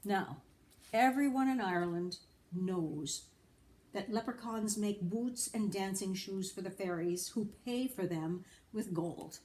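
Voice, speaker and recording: Here a woman narrates a children's folktale expressively, leaning on dramatic emphasis and slipping in little remarks to listeners. She speaks slowly in a mid-range voice with a somewhat dark tone.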